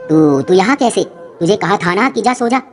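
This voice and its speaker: A woman's voice: mid-range voice, lively intonation, moderate pace, natural voice. A woman voicing a bossy, scheming older mother-in-law who scolds and orders around, with music playing behind. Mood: angry. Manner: scolding, domineering.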